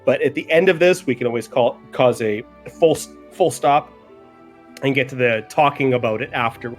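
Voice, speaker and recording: A man improvising as a tabletop game master in a casual way, halting and repeating words as he goes. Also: medium pitch, soft background music.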